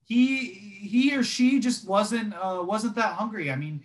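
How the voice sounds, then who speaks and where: A man's voice: high voice, slow pace. A young man talks on a video call in a slightly raised voice. He rambles through his stories at an easy pace, sprinkling in ums and restarts. He sounds like a casual co-host. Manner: relaxed storytelling with frequent fillers. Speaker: podcast co-host. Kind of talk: casual chat.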